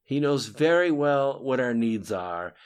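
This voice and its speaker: Casting: man doing a pressured male ambassador, insistent, clipped, raised above his low voice. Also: lively intonation, measured pace, clean tone, natural voice. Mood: urgent, insistent. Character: urgent, commanding male ambassador under pressure.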